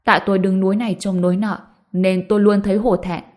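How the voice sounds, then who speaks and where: A woman voicing a calm, powerful older man in an audiobook, measured and regretful. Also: medium pitch, lightly acted. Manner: sighing, measured.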